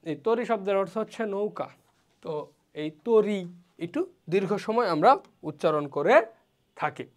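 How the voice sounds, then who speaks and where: A teacher walks through an online class lecture step by step. The speaker asks questions and answers them, and sounds out each vowel slowly as an example. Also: medium pitch, animated, a little mellow.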